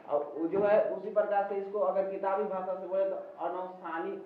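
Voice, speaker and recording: A man's voice: high voice, flat delivery, moderate pace. Man teaching maths in an echoey room. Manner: explains step by step, often checks in with "ठीक है". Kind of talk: classroom lesson at a board. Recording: echoey, distant, dull with faint noise.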